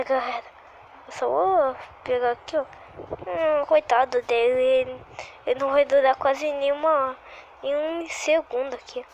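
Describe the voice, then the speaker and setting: A woman giving excitable, exclamatory live commentary while playing a game at home. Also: high-pitched, lo-fi sound, slight background noise. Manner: excitable and exclamatory, constant little sighs and cries. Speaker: gaming video creator.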